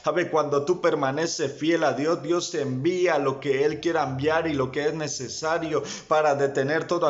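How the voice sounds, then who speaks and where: A man preaching a sermon, speaking straight to his listeners and rising in fervor. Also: fairly high pitch. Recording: dull lo-fi sound.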